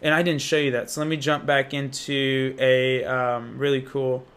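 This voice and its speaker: His voice is smooth and a bit bright, medium-pitched with a level tone, moving at normal speed. A young American app reviewer from Indiana gives an informal, slangy, enthusiastic walkthrough without a script.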